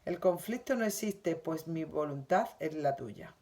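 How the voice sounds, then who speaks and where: Una mujer con acento de España que lee y comenta una lección espiritual diaria, con tono suave, sentido y reflexivo. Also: female voice, low voice, animated, measured pace, warm tone. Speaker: spiritual teacher. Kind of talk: reading and commenting on a daily spiritual lesson.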